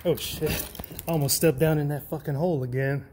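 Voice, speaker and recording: A man's voice: fairly high pitch, steady tone, brisk, a little mellow. A man with a New Orleans accent exploring an abandoned building alone, talking to himself casually and cursing as he goes. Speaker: urban explorer vlogger. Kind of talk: solo exploring commentary, muttering to himself. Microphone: handheld or body camera. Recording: noisy camera audio.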